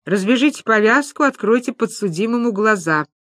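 A woman voicing a tough, commanding old woman who talks in gruff threats, reading a story aloud. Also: fairly low pitch, moderate pace, dry recording, studio quality, close to an everyday voice. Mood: stern.

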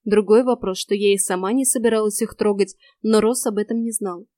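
A woman narrating a first-person fantasy audiobook in a steady, expressive reading. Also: mid-range voice, a little fast, no echo, clean studio sound.

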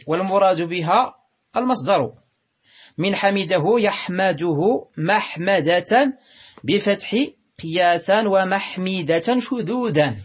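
A man teaching Arabic grammar, reading a text and explaining it slowly and deliberately, drawing out words and pausing with hesitations. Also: high voice, slightly rough. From Morocco.

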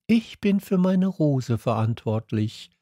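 A gentle little boy prince asks earnest, wondering questions in a raised, light voice, as a man reading the story puts him on. His tone swoops lively up and down, and the words come slowly. The recording is close and dry. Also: medium pitch, dry recording, voice pushed up. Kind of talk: audiobook character voice.

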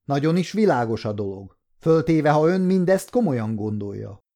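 A man's voice: on the high side, very animated, dark tone, pitched above the performer's own voice. A man voicing a firm, dryly humorous male judge presiding over a trial in an audiobook story. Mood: stern. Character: stern but dry-witted male judge.

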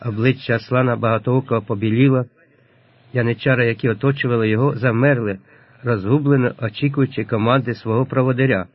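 A man narrating a historical story in a steady, solemn reading. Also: medium pitch, quick pace, no echo. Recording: lo-fi dull audio, dry.

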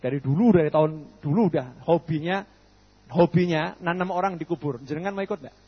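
A man gives an animated sermon, quizzing his listeners and answering himself. His voice sits high and sounds husky. The recording is dull and lo-fi, with long reverb from a hall. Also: fairly quick. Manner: animated, asks and answers his own questions. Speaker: preacher. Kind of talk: lively sermon with acted dialogues.

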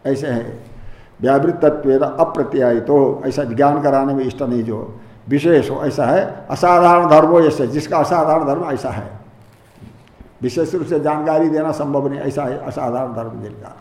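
A man's voice: medium pitch, normal speed, darkish tone, reverberant. A man teaching a scriptural commentary, explaining Sanskrit terms word by word in Hindi and rephrasing each point patiently. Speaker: Vedanta teacher.

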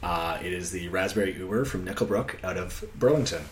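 A man's voice: low voice, fairly quick. A young man hosting a podcast in a casual, chatty style. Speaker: podcast host. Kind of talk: casual chat. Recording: echoey room, faint background noise.

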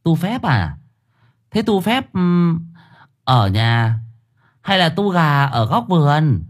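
A man voicing a fiery young village woman, high and fluttery as she pleads, in an audio storybook. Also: sing-song, takes it slowly, heavily acted. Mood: mocking.

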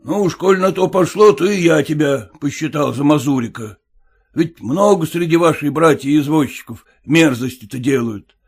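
A man voicing a nervous, haughty gentleman passenger who talks in an indignant, demanding way. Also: a little high, animated, moderate pace, husky.

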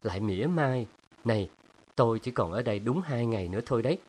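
A man voicing a lively, teasing young woman who scolds playfully in a storybook reading. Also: medium pitch, quick pace, husky.

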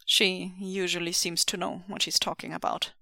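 A reserved young man played by a woman reader murmurs short, low replies. His voice stays quiet and even. The recording is dry. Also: moderate pace, no echo. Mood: terse. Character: stoic, reserved young man of few words.

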